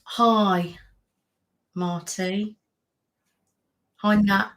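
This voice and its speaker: With a medium-pitched voice, fairly even intonation and drawn-out words, a young ASMR channel host runs a casual live-stream chat. She talks about her exhaustion after moving house, chattily greets and thanks viewers by name, and often says "um" and "literally."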